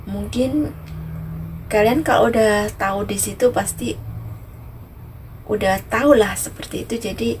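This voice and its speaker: A medium-pitched woman from Ngawi in East Java, Indonesia, a vlogger and migrant worker, chats casually with her viewers. She repeats herself a lot and often adds softening tags that seek agreement. The mic is distant and the ambient background is noisy.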